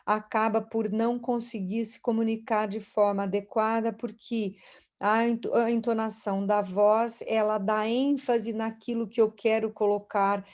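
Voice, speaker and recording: A woman's voice: on the high side, little pitch movement, a little slow, darkish tone. A woman university lecturer giving an online lecture over a video call, explaining step by step and often rephrasing herself mid-sentence.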